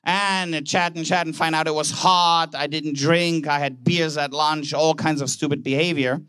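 Man giving a lively keynote talk. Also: a little high, clear, resonant tone, no room sound. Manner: anecdotal, plays out dialogue in quick voices. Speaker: conference speaker, banker. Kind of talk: keynote speech. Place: conference hall.

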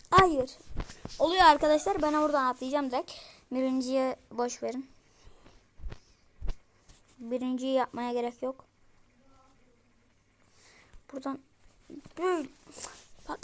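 A woman giving casual let's-play commentary to her viewers, easily frustrated and breaking into loud exclamations. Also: high voice, moderate pace, long pauses, slight background noise. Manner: talks straight to her viewers. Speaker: gaming streamer.

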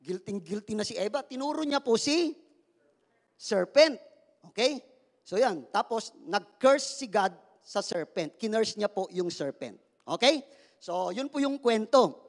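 A man's voice: sits high, lively intonation, a little slow, big-room sound. A male pastor preaching a sermon in a playful way, joking with the congregation, asking for their replies, and mixing English phrases into his talk. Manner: mixes English phrases into speech.

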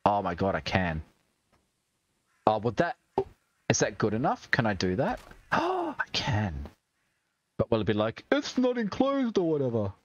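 Australian man in lively, swearing game chatter. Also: on the low side, normal speed, long pauses, muffled recording, slight background noise. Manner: chatty, swears and jokes while playing. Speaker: streamer. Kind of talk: gaming livestream commentary.

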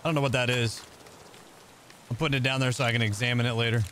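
A man's voice: mid-range voice, steady tone, fast talker, a bit bright, slight background noise. A man in his thirties chatting casually on a game livestream, often repeating his phrases, close on the mic. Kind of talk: casual livestream chat over gameplay.

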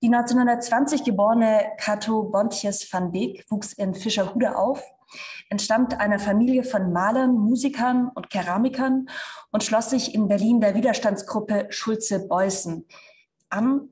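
A woman, a stage actor, giving a calm, measured reading at a live event. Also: medium pitch.

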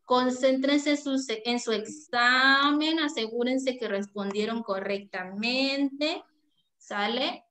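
A woman's voice: sits high, takes it slowly, bright, forceful tone, echoey room. A woman teacher giving an online class, affectionate, often checking in with the pupils. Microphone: video call.

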